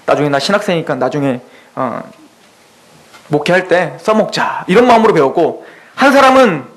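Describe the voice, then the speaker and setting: A man preaching a sermon in a church, telling a story with lively quoted voices. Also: sits high. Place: church sanctuary.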